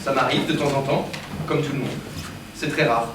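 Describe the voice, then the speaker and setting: An actor playing an obsequious, flustered bourgeois husband hosting a dinner in a stage comedy, hesitant and repeating himself to please. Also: male voice, mid-range voice, fairly even intonation, fairly quick, fairly bright tone, close to an everyday voice. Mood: flustered, defensive. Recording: echoey, distant, noisy hall recording.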